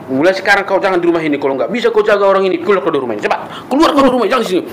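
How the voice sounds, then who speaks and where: An actor playing a hot-tempered father with a Batak accent, who scolds loudly and later turns meek and apologetic. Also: sits high, sing-song, very fast, very noisy. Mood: angry. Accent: Batak Indonesian. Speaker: father of the household. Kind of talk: amateur family drama acting.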